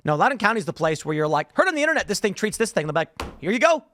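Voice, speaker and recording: A podcast host runs a casual political panel show, opinionated and prone to acting out imagined exchanges and dialogue. His high voice swings widely in pitch and is very fast, pushed and bright, recorded dry with clean studio sound.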